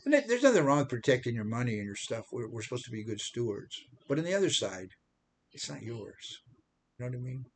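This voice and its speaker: Here a seventy-something man from the United States rambles through a monologue about his own life, self-deprecating, with repeated words and restarts. He speaks fast at a medium pitch with big swings up and down. There's slight background noise.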